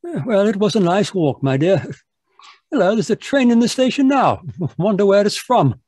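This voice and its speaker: Guy doing a friendly doctor sidekick telling an old radio mystery, husky, chatty, no room echo. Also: sits high, big pitch swings, moderate pace, darkish tone, clean studio sound, full character voice. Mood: cheerful. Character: genial, inquisitive doctor, detective's friend John Watson. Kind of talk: old-time radio mystery acting and narration.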